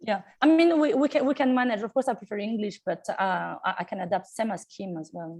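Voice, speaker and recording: A woman's voice: mid-range voice, expressive, very fast, a little mellow. A woman chatting casually as a participant in an online meeting.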